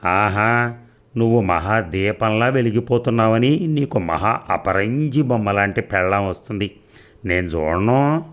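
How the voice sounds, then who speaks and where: A man's voice: on the low side, a little slow, natural voice. A man voicing a fussy old grandmother who coaxes and scolds her grandson. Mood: scolding. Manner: coaxing then scolding.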